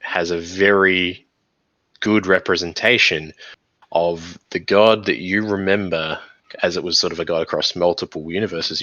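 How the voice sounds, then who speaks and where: Deep-voiced man running a tabletop game. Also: pushed and bright, no echo. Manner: halting, searching for words. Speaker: game master. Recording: dull lo-fi recording.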